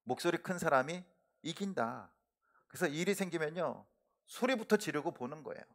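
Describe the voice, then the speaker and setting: A middle-aged male pastor giving a sermon in a church, preaching earnestly, pressing his points hard and letting his sentence endings fall soft. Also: fairly high pitch, expressive, moderate pace. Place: church sanctuary.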